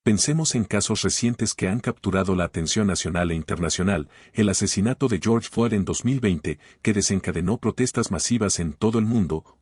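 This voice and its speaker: A man hosting a podcast, reading scripted literary commentary in a measured, formal way and posing rhetorical questions. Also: fairly low pitch, a little mellow, breathy edge, dry recording, clean studio sound. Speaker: podcast host.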